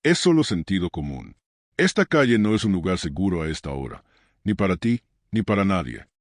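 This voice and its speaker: Weary widowed father, read by a man, deep voice, calm, even, dry sound. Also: fairly quick, no echo.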